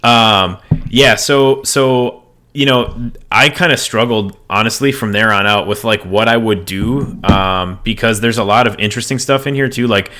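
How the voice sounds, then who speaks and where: A man chatting casually on a podcast about card game decks, relaxed, with lots of fillers and restarts. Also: fairly low pitch, moderate pace. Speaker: podcast co-host.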